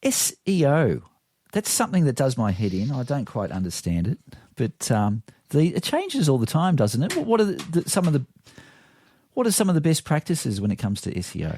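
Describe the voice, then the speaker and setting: A man's voice: mid-range voice, huge pitch swings, moderate pace, dark tone, breathy edge, dry recording. A man hosting a podcast, asking his guest questions in a casual, self-deprecating way. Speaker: podcast host. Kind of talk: conversational podcast interview.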